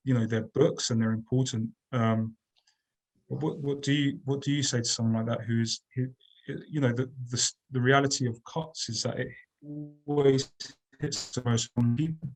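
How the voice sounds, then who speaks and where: A man's voice: mid-range voice, steady tone, moderate pace, poor audio. A man from Croydon, answering as a candidate in a local debate in an earnest way. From Croydon, England. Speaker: council candidate.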